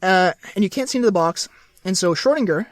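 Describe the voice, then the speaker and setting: A woman's voice: mid-range voice, expressive, fast, no room sound, studio quality. A young woman co-hosting a podcast, telling a rambling, playful story in casual chat. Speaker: podcast co-host.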